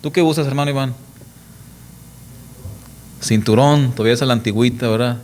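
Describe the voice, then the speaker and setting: A middle-aged man preaching a sermon, emphatic and full of rhetorical questions to the congregation, telling stories with lively quoted voices. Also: medium pitch, fairly quick, slight background noise. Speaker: pastor. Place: church.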